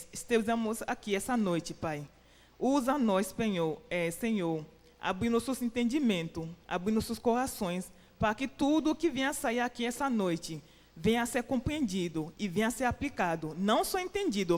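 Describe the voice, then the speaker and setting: A French-speaking missionary preacher from Benin delivers a sermon and prayer in a church sanctuary over a PA, the sound filling a large hall. Her voice is a little high, animated and darkish in tone, at a moderate pace. She speaks earnestly, with hesitant restarts and fillers.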